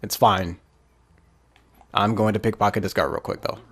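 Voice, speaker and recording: A man's voice: lowish voice, steady tone, normal speed, husky. A young man casually commentating a video game with rambling, chuckling asides. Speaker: let's play host.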